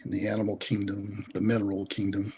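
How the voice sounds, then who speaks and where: A man leading a group discussion, speaking thoughtfully and pausing often with fillers. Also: lowish voice, completely flat delivery, darkish tone, lo-fi sound, slight background noise. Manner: thoughtful, halting with many fillers. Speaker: discussion host.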